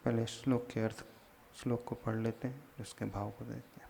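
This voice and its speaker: A man's voice: mid-range voice, steady tone, normal speed, gravelly, dark tone, slight background noise. A man, a monk, leading a scripture class, chanting verses and patiently correcting his listeners' pronunciation. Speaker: Jain monk teaching scripture. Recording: long hall reverb.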